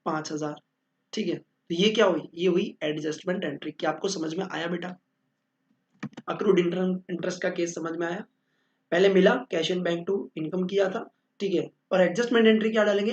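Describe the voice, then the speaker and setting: A man's voice: high voice, muffled recording. A man teaching accounting in a joking, bantering lecture, answering his own questions.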